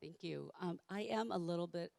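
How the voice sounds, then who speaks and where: Hoarse, croaky woman on a conference panel. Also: fairly low pitch, moderate pace, darkish tone. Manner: candid, conversational, many fillers. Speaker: executive director on a panel.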